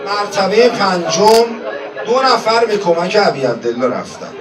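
High-voiced preacher in an echoey crowded hall. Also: male voice, big pitch swings. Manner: tells a story then breaks into sung, shouted lament. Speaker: religious preacher. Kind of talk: mourning sermon with storytelling and chanted lament. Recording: echoey hall, distant mic, loud crowd and noise.

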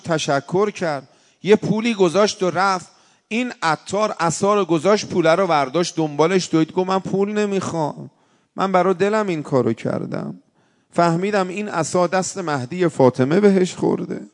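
A man delivers an emotional religious sermon in speech, his voice sitting high for a man. He moves between loud, fervent storytelling and quieter, pleading passages of prayer. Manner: impassioned, swings from loud storytelling to hushed pleading. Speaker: preacher.

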